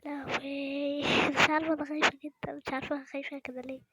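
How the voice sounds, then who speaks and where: A fast, high-pitched woman with an Egyptian Arabic accent, talking to her viewers in an anxious, excitable way. She keeps slipping into hushed whispers. The recording is noisy, with clicks in the background. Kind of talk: excited playthrough chat to viewers.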